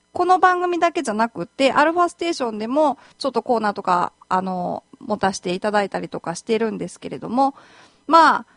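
A woman's voice: sits high, no room sound. A woman with a Kansai accent, a lawyer hosting a solo radio talk show, speaking politely and chattily with many filler words. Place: community radio studio.

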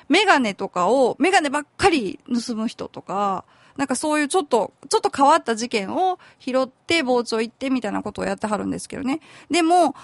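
A woman's voice: high voice, dry recording. A woman lawyer with a Kansai accent hosting a community radio talk show in a chatty, informal way, thinking aloud as she speaks. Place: radio studio.

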